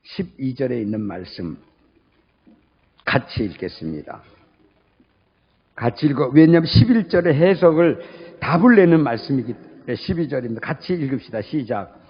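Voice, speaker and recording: A man preaching a sermon as pastor, questioning his congregation and swinging from loud high calls to low murmurs. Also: big pitch swings, normal speed, long pauses, husky, highs cut off. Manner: call-and-response questions to the congregation.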